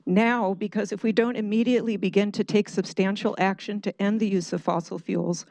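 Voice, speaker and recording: Earnest woman with a gravelly voice. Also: medium pitch, darkish tone, no room sound, rough recording. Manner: earnest, pleading, reads a statement. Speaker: public commenter, kindergarten teacher. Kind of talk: prepared public comment. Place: public board meeting room.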